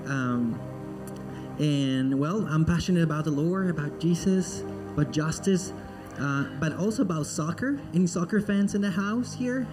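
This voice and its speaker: A man from Peru, serving as a missionary, speaks warmly in a church sanctuary and then leads prayer, shifting from jokes to earnestness. His voice sits a little high and is expressive at a moderate pace, with music audible in the background.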